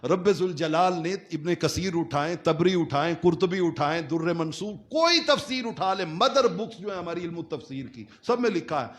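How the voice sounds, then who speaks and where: A man giving a dramatic sermon, asking questions and answering them himself, jumping between loud, rising lines and quiet drops. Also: fairly high pitch, expressive, few pauses. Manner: dramatic preaching with sudden swings between loud and soft. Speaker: preacher.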